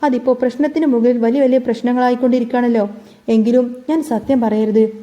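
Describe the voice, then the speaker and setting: A woman voicing a frightened, tearful young woman who pleads quietly. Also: on the high side, fairly even intonation, a little fast, natural voice.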